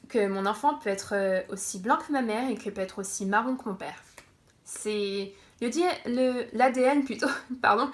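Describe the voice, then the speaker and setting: A woman's voice: medium pitch, a bit bright. A young woman from France chatting casually on her vlog, laughing often and correcting herself as she goes. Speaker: vlogger.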